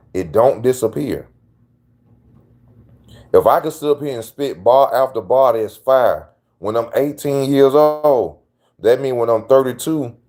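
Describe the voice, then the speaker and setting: With a mid-range, dark voice, a man hosts his own channel and shares casual opinions. He talks in slang, sounds emphatic, and keeps circling back to repeat his points.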